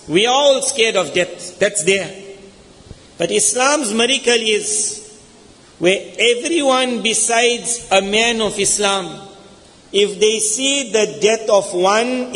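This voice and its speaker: South african preacher guy, high voice, big echoey mosque hall, acts out the story lines. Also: a bit bright. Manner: storytelling, acting out quoted lines with rising intensity. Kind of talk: sermon. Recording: long hall reverb in a mosque.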